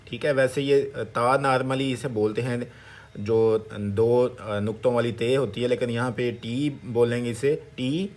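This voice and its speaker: A man teaches in an even, mid-pitched voice. He sounds out each syllable slowly, repeats it, and keeps asking viewers what it becomes. His delivery is patient and methodical. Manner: slow, repetitive syllable-by-syllable drilling with questions to viewers. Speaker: language teacher. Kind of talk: Korean vocabulary lesson in Urdu.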